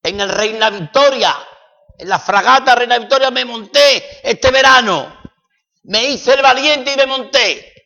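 A man from preaching a sermon, swinging dramatically between loud declarations and hushed passages. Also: very high-pitched, unhurried, creaky. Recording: echoey hall, dull lo-fi sound.

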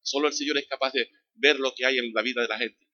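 Male preacher, conversational sermon style with loud rising peaks; bright, muffled recording. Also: quick pace, dry recording. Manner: animated, rising loud on key phrases, then dropping low; conversational, addresses congregation directly.

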